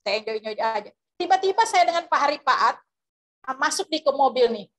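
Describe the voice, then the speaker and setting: A woman's voice: sits high, lively intonation, fairly quick. A woman preacher tells a story over a video call, rambling with many fillers and restarts. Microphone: video call microphone.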